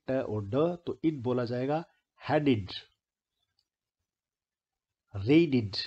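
A man from Haryana in India teaching pronunciation in Hindi, repeating each example word slowly and deliberately. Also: mid-range voice, mellow, slightly rough. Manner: slow, deliberate, repeats example words one by one. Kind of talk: slow spoken grammar lesson. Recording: muffled lo-fi recording.

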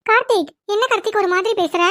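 A woman's voice: very high voice, quick pace, fairly bright tone. A woman voicing a fretful, jealous young girlfriend in a cartoon, speaking in a worried, coaxing way.

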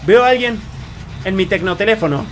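A young man with an Argentine accent commenting on his own gameplay, excitable and quick to shout or laugh. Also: sits high, a little hiss or hum. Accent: Argentine Spanish. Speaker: streamer.

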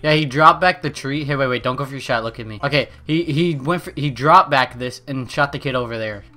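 A man's voice: medium pitch, a little fast, bright, forceful tone. A young man giving casual gaming commentary for his channel, joking, teasing his friend and swearing casually. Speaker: gaming YouTuber.

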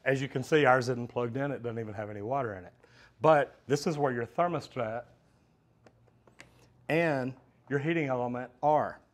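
A middle-aged plumber gives a hands-on instructional demonstration inside a metal-walled storage unit, talking practically through a lapel mic. His voice is mid-range at normal speed, and he pauses often. He's plain-spoken and practical, calling viewers "guys."

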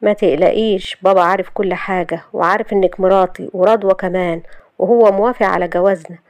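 Brief: possessive husband, Egyptian accent, flat orders, voiced by a woman in her own voice. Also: medium pitch, quick pace, dry recording, lo-fi sound, close to an everyday voice. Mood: reassuring. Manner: curt, commanding. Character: cold, possessive young husband.

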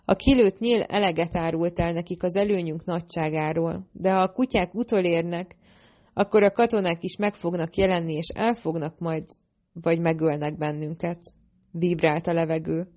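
A woman's voice: on the low side, fairly even intonation, darkish tone. Woman reading a first-person audiobook. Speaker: audiobook narrator.

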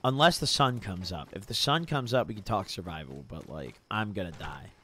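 There's slight background noise as a young man casually chats on a gaming live stream, his low voice fairly bright with lively intonation at a normal speed. He talks in slangy frat-bro style, swearing freely and hyping up "bro," "dude," and "boys."

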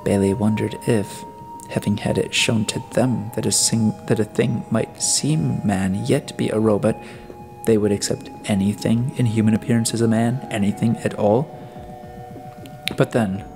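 A man reading an audiobook in steady, measured scripted narration. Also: fairly low pitch, music in the background.

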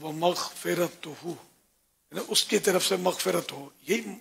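An older man giving religious guidance in a soft voice that often drops to a whisper, stretching out words slowly. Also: high-pitched. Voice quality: raspy. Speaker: religious scholar answering questions.

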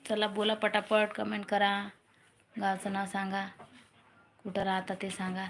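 A woman with a Vidarbha Marathi accent chats on a casual home live stream, greeting viewers and calling for comments. Her pitch stays flat and even throughout. A faint hiss of household noise sits behind her phone recording. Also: measured pace. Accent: Marathi from Vidarbha region. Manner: urges viewers to comment, chats with family off-camera.

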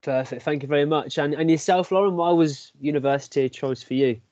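Man in his thirties, webinar host, friendly questions, slightly high voice, dull dry webcam sound. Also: a little fast, darkish tone, dry recording. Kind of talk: hosting a live webinar. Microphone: laptop webcam, video call.

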